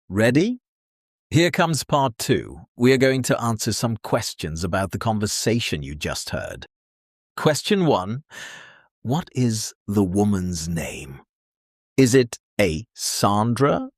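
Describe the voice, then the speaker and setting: A man with a British accent presenting an English lesson for beginners in a slow, clear teaching voice. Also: fairly low pitch, no room sound, clean studio sound. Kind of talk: scripted lesson narration.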